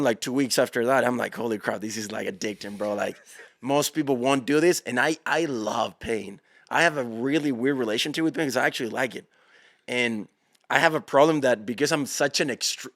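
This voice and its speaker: Slangy, animated man telling stories. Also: mid-range voice, dry recording, studio quality. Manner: animated, slangy, calls listeners bro and dude. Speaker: podcast guest, endurance athlete. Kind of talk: casual storytelling chat.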